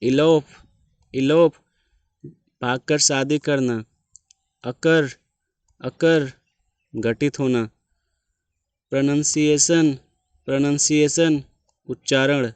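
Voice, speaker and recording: A man's voice: fairly high pitch, fairly even intonation, very slow, long pauses, a little mellow, clean tone, no echo. A man teaching vocabulary, saying each word twice with careful stress and then giving its meaning. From India.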